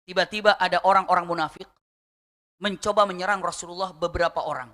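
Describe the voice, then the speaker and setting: A man preaching a sermon, telling a story with lively questions to the audience. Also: high voice, quick pace, long reverb tail.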